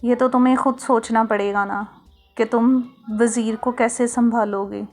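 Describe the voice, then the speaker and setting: A woman reading a storybook, voicing a gentle fatherly middle-aged man in a slow, calm, even way. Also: on the high side. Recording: soft music underneath.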